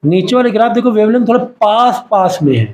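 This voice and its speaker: Brisk and animated, a male science teacher with a high, slightly mellow voice quizzes his students through call-and-response, firing short questions and having them echo key terms. The classroom recording is lo-fi with a little hiss or hum.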